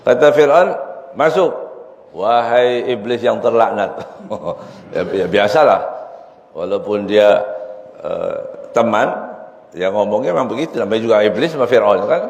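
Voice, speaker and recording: Storytelling preacher in an echoey hall. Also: male voice, lowish voice, expressive, moderate pace, vocal fry, darkish tone. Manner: storytelling, acts out dialogue in shifting voices, laughs at own jokes. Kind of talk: mosque study-circle sermon. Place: mosque hall. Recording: echoey mosque hall, dull sound.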